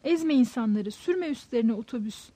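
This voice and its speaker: A woman's voice: fairly high pitch, animated, normal speed, warm tone, no room sound. A woman voicing the inner thoughts of an anxious, troubled man riding a bus, in a tense, questioning way. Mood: frantic.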